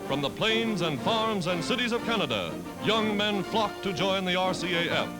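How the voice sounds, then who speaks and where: In a voice that sits high, a man delivers emphatic, declaiming narration for a 1940s wartime newsreel, animated and at a moderate pace. The low-quality audio is an old newsreel soundtrack with loud music playing over it.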